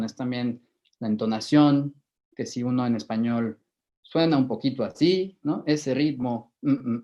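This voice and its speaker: A man with a Mexican Spanish accent giving a measured lecture to a live audience, often repeating words while he thinks. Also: medium pitch, darkish tone. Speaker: guest lecturer. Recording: dull lo-fi recording.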